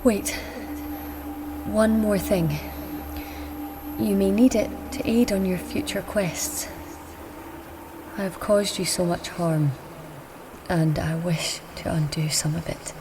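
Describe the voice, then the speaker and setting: In an audio drama, an actress portrays a cunning woman who seems frail, speaking formally and deliberately with a coaxing mood. Her fairly low, steady voice often sinks into breathy whispers against a noisy ambient soundscape.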